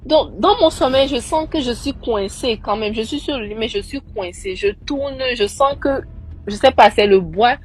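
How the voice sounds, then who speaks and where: A woman's voice: fairly high pitch, moderate pace, slightly rough, faint music behind. A young woman casually recounting a personal story, acting out the people she quotes. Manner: animated, acting out quoted voices.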